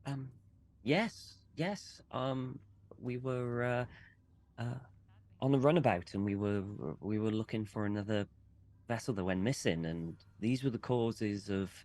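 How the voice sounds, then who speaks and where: Hesitant low-voiced man playing a tabletop game. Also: a little mellow. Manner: hesitant, halting with many restarts. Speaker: player. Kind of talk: in-character tabletop play.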